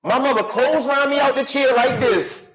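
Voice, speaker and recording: High-voiced man telling stories, lively. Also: normal speed, low-quality recording. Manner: animated storytelling, acts out quotes, laughs often. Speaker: host. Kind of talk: casual barbershop chat. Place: barbershop.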